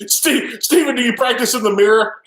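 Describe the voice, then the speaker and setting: A man hosting a casual sports talk show, excitable and stammering. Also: very high voice, fairly quick, a little hiss or hum. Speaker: host. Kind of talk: casual interview chat. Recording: echoey room.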